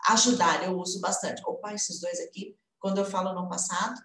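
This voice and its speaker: Brazilian woman teaching in an echoey room. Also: medium pitch. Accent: Brazilian Portuguese. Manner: lively, repeats example words slowly. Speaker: English teacher. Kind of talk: online English lesson. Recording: roomy indoor echo.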